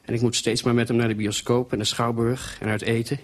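A man's voice: mid-range voice, level tone, brisk, close to an everyday voice. Male reader doing a worried wife, confiding and fretful, voice barely changed. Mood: uneasy. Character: worried young married woman, uneasy. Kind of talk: storytelling reading.

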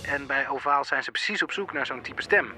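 A man in film dialogue, first hesitating through a voicemail full of fillers, then talking bluntly and forcefully. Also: medium pitch, lively intonation, fairly quick, soft background music. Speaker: caller leaving a voicemail, then conversation partner.

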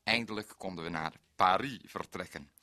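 A man's voice: low-pitched, normal speed, bright, forceful tone, dry recording, studio quality. An actor playing a naive, bumbling male forest ranger in a radio comedy monologue, with fussy, odd exclamations. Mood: bemused. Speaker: comic storyteller.

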